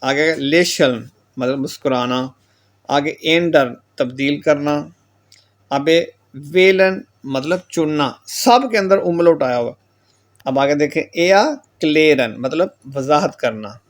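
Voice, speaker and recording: A man's voice: fairly high pitch, slow. A man teaching German pronunciation, reading out example words with their meanings in a patient lecture style and often adding a short filler tag. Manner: reads each word and its meaning, repeats the filler tag "theek ho gaya ji". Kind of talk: classroom lecture explaining pronunciation with word lists.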